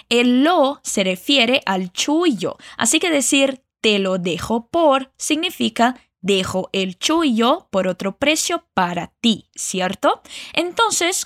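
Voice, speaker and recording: A woman leads a language lesson, speaking slowly and carefully as she models each phrase. Her voice sits a little high. The sound is dry and close. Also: no room sound. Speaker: Spanish teacher.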